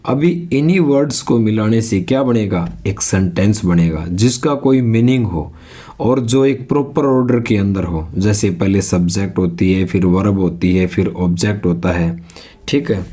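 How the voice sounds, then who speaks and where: A man's voice: lowish voice, mellow. A man with a Hindi accent teaching a basic English lesson, spelling out words and asking his listeners simple questions. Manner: spells words letter by letter and asks rhetorical questions, reading English slowly. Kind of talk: classroom lesson explaining English words and sentences.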